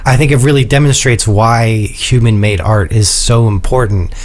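A man's voice: medium pitch, steady tone, normal speed. Casual young man with many fillers. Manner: casual, filler-heavy, enthusiastic. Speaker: music composer guest. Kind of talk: casual interview answers.

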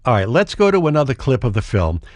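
Casting: male interview host, middle-aged, very lively intonation, mid-range pitch, conversational. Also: fast.

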